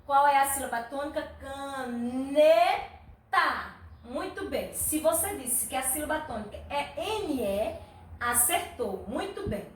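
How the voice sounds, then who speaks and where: A woman's voice: high voice, lively intonation, normal speed. A woman teaching a children's class, patiently going through workbook answers, drawing words out and praising the pupils. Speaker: primary school teacher. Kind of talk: classroom lesson correcting workbook exercises. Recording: echoey room, mic at a distance.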